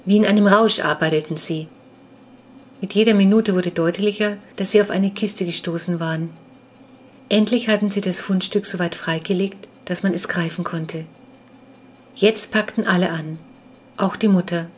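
Lower-voiced woman reading a children's book. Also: a little hiss or hum. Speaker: audiobook narrator.

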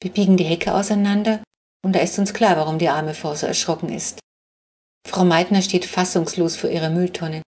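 A woman narrating a children's audiobook with lively, expressive reading. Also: fairly low pitch, moderate pace. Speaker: audiobook reader. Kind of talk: scripted children's book narration.

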